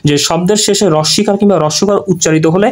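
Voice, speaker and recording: Quick high-voiced male tutor. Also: steady tone. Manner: explains with repeated examples and check-ins. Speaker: teacher. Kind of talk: exam-prep grammar lesson.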